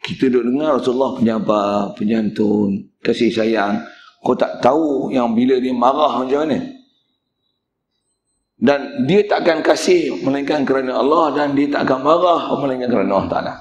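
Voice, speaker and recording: A man's voice: medium pitch, normal speed, roomy sound, dull audio, slight background noise. A male religious teacher, giving a mosque lecture in a blunt, teasing way and speaking straight to the congregation.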